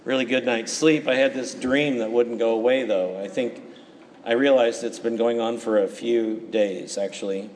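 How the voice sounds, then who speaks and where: A man, a priest, reading the Gospel and preaching at Mass in a calm, steady way, his voice carried by a long cathedral-like church echo. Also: medium pitch. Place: large church. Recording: reverberant church, faint background noise.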